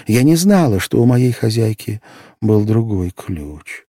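A man voicing a timid, hushed young woman. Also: on the low side, sing-song, a little slow, breathy edge, no echo, studio quality, pitched above the performer's own voice, heavily acted. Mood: bewildered. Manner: quiet, hushed and guileless. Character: timid frightened young woman, soft-spoken.

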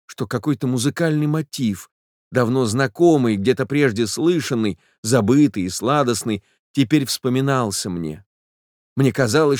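Male narrator, reflective literary reading, emotional first-person storytelling, medium pitch, dry close sound. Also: darkish tone, dry recording.

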